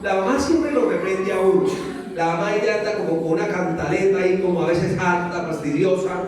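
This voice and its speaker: A Colombian man preaching with a fairly high voice, throwing question after question at his listeners. He slips into little acted-out voices as he goes. He sounds far from the mic, with the sound ringing through a big echoey hall. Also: brisk, crowd noise. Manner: animated, many rhetorical questions, acts out voices. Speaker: pastor. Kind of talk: lively sermon to a congregation. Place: church hall.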